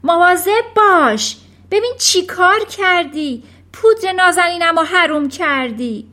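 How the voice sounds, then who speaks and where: A woman's voice: extremely high pitch, animated, bright, forceful tone, pitched above the performer's own voice, heavily acted. A woman doing a shrieking scornful mother. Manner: shrieking and scolding. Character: shrieking scornful mother, sharp-tongued and vain.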